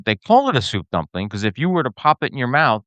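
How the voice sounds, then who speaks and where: A man rants through a story in casual podcast chat, his smooth voice swinging widely up and down. He breaks into high-pitched impressions of the people he met. The sound is dry and close. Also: very animated, fast, sharp tone, no room sound. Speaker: podcast co-host.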